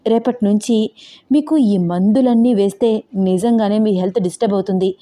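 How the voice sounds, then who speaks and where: A woman's voice: medium pitch, normal speed, warm tone, lightly acted. A woman voicing a worried young woman who pleads with her grandmother. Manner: fretful, pleading.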